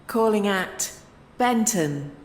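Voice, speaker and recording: A woman making a train station announcement over a loudspeaker, with a measured, even cadence. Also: medium pitch. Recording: echoey, reverberant station hall.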